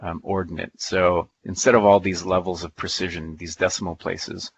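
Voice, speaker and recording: Man, software demo presenter, playful folksy manner, lowish voice, dull muffled recording. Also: level tone, normal speed, gravelly, slight background noise. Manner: playful, folksy, thinking aloud. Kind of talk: live software demo talk.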